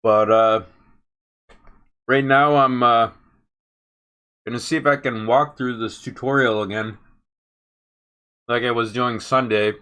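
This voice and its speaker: A man hosting a casual tech livestream from his workshop table, talking haltingly with many fillers. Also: mid-range voice, fairly even intonation, pushed and bright, smooth.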